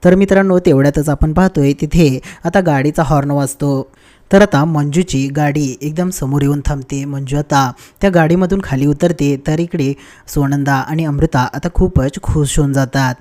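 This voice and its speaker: A man's voice: fairly high pitch, normal speed, mellow. A man giving a casual, chatty recap of a TV serial episode, telling the story step by step and often addressing his viewers as friends. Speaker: TV serial reviewer.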